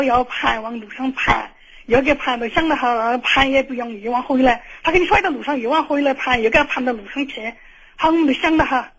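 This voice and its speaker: High, husky middle-aged Sichuan-dialect woman. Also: poor audio. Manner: halting, repetitive, aggrieved complaining. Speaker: phone-in caller. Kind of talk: emotional personal storytelling.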